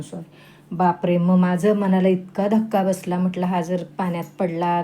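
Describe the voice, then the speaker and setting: A woman's voice: fairly low pitch, mellow. A middle-aged woman chatting at home on her vlog, telling viewers a family story in a homely, direct way. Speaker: pet vlogger.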